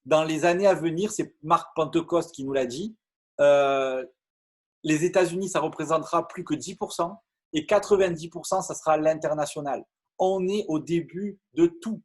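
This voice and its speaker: A middle-aged man from France tells a story to an audience in a lively way, with stumbles, repeated words and many fillers. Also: on the high side, normal speed. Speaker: network marketing speaker. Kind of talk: animated storytelling talk to an audience.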